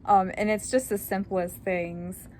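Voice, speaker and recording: A woman in her thirties chats straight into a camera mic in a casual personal vlog. Her pitch sits in the middle of the range, and she rambles candidly, filling gaps with "like" and "um". A faint wash of background noise runs under the whole take. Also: level tone, a little slow, a little mellow. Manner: chatty, candid, rambling with many fillers. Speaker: vlogger.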